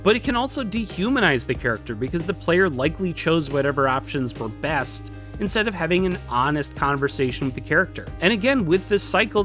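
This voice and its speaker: Over background music, a man presents a scripted video essay lesson on game writing, emphatic and informal with playful exaggeration. His voice is fairly high-pitched and fairly bright.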